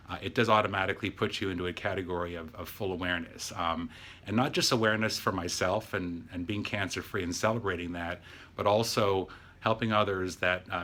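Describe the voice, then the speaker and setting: A middle-aged man with a very low voice that still has a bright, forward edge. He speaks casually, as in a personal video diary, choosing words haltingly and with earnest reassurance. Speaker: video diarist, patient recovering from surgery. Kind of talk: casual vlog talk to camera. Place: hospital room.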